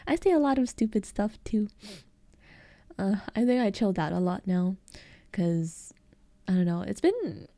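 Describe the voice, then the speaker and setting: A young woman streamer chatting casually on a close mic, soft-spoken and giggly, rambling with lots of fillers. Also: medium pitch, expressive, normal speed, long pauses, no echo. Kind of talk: casual ASMR stream chat.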